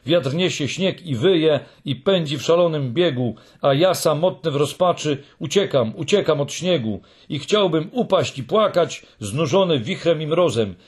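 A lonely young Moomin troll, voiced by a man, defiantly belting out his words. His raised voice stays husky and swings up and down. The telling belongs to a children's storybook. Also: sits high, expressive, unhurried, voice pushed up, heavily acted. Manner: loud, defiant singing recital.

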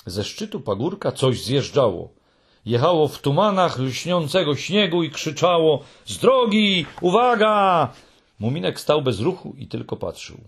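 Man, storybook narrator, husky voice, lively melody. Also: medium pitch. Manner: expressive, dramatic storytelling. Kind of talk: scripted narration of a children's tale.

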